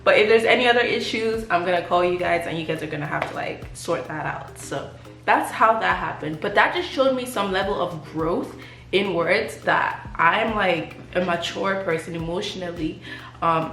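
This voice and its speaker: A woman from Africa, a nurse, recounts her work experiences in a chatty, expressive vlog manner, leaning on fillers. Her voice sits a little low for a woman. The sound is roomy, with faint music underneath. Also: moderate pace. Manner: conversational, expressive, frequent "like" fillers. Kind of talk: casual storytelling vlog.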